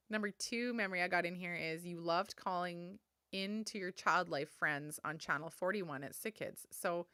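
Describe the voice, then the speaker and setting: Soft-spoken woman, bright tone. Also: lowish voice, clean tone, dry recording, studio quality. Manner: soft, heartfelt, tender storytelling. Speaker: podcast host. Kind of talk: solo podcast chat.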